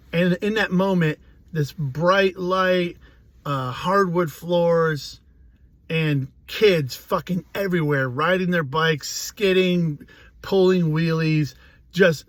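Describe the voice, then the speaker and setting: A man's voice: fairly high pitch, dry recording. A man in his forties telling a rambling, profane, self-mocking personal story in a casual way. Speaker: host.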